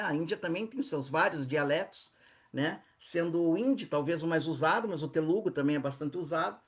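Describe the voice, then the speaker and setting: A tour leader with a Brazilian Portuguese accent walks a travel group through an online slide lecture. The voice sits in a middle pitch, and the delivery is explanatory and unhurried, with tag questions sprinkled through nearly every sentence. Practice words are repeated slowly so listeners can follow along.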